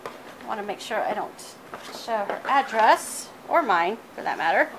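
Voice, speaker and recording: A woman's voice: mid-range voice, animated, a little slow, a bit bright, a little hiss or hum. A woman giving a casual unboxing vlog about craft supplies, bubbly and gushing, with many fillers, calling her viewers "you guys". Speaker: crafting vlogger.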